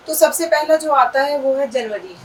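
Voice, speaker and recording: A woman's voice: high voice, darkish tone. A woman teaching an Urdu lesson, patiently explaining and spelling words out letter by letter. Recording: distant mic with faint background noise.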